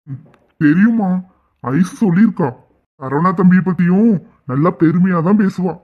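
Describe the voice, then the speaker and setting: A man's voice: high voice, moderate pace. A man voicing a humble, grateful middle-aged father who drives an auto-rickshaw in a cartoon, speaking emotionally. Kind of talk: cartoon voice acting. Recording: tinny phone-like audio.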